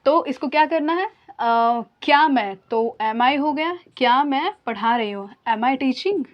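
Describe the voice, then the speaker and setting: A woman with a high voice teaches English grammar in Hindi. She explains each point patiently and slowly repeats her example sentences. The recording sounds a little dull and lo-fi.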